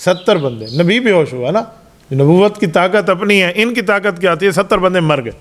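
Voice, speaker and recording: Male mufti, middle-aged, high voice, emphatic storytelling Quran lesson. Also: lively intonation, a bit bright. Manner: storytelling, acts out quoted dialogue; explanatory, emphatic. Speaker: mufti, Islamic preacher. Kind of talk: Ramadan Quran lesson sermon.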